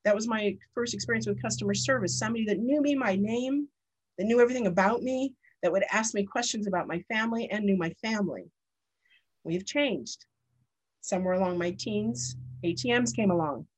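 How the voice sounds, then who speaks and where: A woman's voice: medium pitch, fairly quick, husky. Chatty woman in her fifties, podcast host. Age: 50s. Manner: chatty and storytelling. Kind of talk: casual podcast interview.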